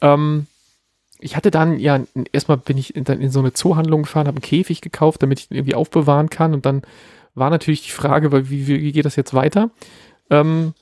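A man's voice: on the high side, mellow, no echo, studio quality. A man in his thirties, co-hosting a podcast, telling a story casually with many fillers. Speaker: podcast co-host. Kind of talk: casual chat.

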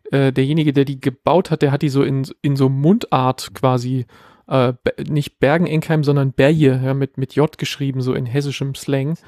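Man from Germany, casual podcast talk, rambling with fillers, dry voice, medium pitch. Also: a little mellow, dry recording. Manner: rambling storyteller, many fillers. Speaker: podcast co-host. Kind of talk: casual chat.

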